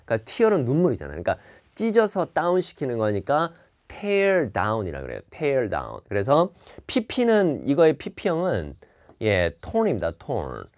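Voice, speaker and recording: A man's voice: mid-range voice, huge pitch swings, measured pace, a little mellow. A man teaching TOEIC listening in an online lecture, explaining each answer and repeating key words.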